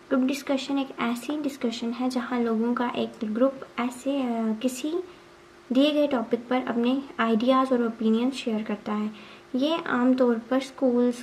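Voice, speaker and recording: High-voiced woman teaching exam notes. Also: a little mellow, slight background noise, low-quality recording. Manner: explains point by point, asking and answering her own questions; mixes English terms into Hindi, often says 'ठीक है'. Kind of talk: exam revision lesson.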